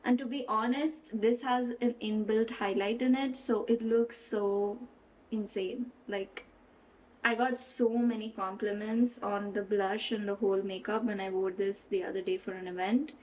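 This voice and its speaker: Far from the mic and on poor audio, a young woman talks through her makeup routine in a relaxed get-ready-with-me vlog, giggling and mixing a playful fake British accent into her natural one. She speaks unhurriedly at medium pitch, her tone steady and a little mellow, while rain and traffic sound outside.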